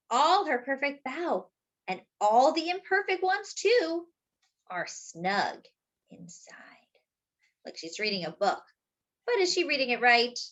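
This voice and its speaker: As a storytime host, a woman reads a picture book aloud to young children, expressively lengthening words and adding little asides for her audience. Her voice is a little high and somewhat bright.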